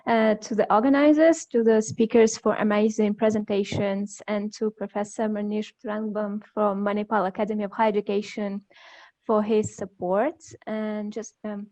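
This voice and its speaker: A woman's voice: mid-range voice, level tone, moderate pace, warm tone. A woman from Ukraine introducing her conference talk over a video call in a friendly, light way. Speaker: conference presenter.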